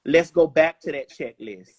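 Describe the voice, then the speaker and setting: A woman's voice: low-pitched, normal speed, a little mellow. A woman in her forties giving an interview in a blunt, emphatic, profane way. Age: 40s. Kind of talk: casual interview chat.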